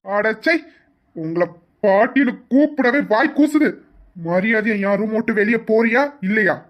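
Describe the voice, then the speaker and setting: A performer voicing a protective young husband in an audio drama, stern and forceful, issuing warnings. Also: medium pitch, lively intonation, moderate pace, dull audio, lightly acted. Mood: angry. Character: furious young husband defending his wife. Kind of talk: amateur Tamil audio drama.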